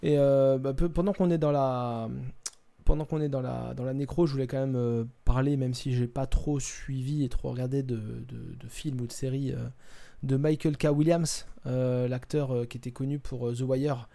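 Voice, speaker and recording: A man's voice: medium pitch, steady tone, normal speed, gravelly, mellow. A man hosting a casual podcast chat, talking hesitantly with lots of fillers and restarts. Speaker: podcast host presenting a topic.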